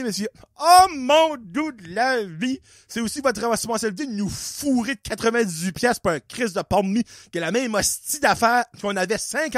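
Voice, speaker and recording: A man's voice: sits high, no room sound, studio quality. A man with an Acadian French accent hosting a podcast, telling a story as a profane, sarcastic, exasperated rant. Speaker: podcast host. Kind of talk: casual comedic rant.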